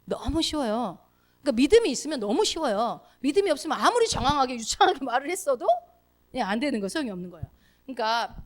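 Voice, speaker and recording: A woman preaching a sermon to her congregation in a chatty, engaging way. Her somewhat high voice swings widely up and down as she asks questions and acts out brief commands. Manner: acts out spoken commands in short bursts.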